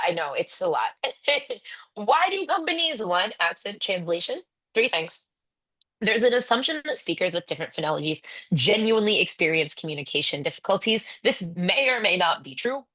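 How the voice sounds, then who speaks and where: A woman's voice: lowish voice, a bit bright, no room sound. A woman linguistics lecturer giving a conference talk, with wry, conversational asides.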